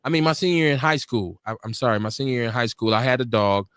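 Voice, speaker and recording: Smooth, a bit bright, and medium-pitched, a man talks fast while co-hosting a casual live podcast from his home studio, rambling through stories with frequent laughs and self-corrections. No room sound is audible.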